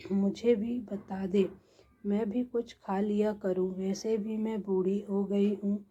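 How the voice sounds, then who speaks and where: A woman's voice: medium pitch, dark tone, slight background noise, lightly acted. A woman voicing an older mother-in-law who keeps chiding and questioning, in a dull lo-fi recording.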